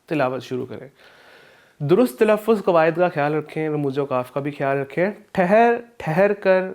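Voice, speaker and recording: Pakistani guy teaching islamic studies, a bit high voice, slow explaining, chants the verses long. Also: a little mellow. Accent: Pakistani Urdu. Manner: explains rules slowly, then chants verses in a drawn-out recitation. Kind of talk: recorded video lesson with Quran recitation.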